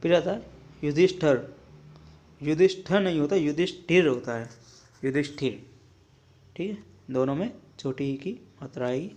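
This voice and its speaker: Preparing students for exams, a young male Hindi teacher repeatedly drills correct spellings, setting mistaken forms against right ones and stopping partway through words. He often says "ठीक है" (okay), and his fairly high voice is expressive with a warm tone.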